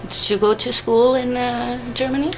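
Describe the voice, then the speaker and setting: A woman conducting an oral history interview, asking her questions hesitantly with many pauses and fillers. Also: fairly high pitch, fairly even intonation, background noise.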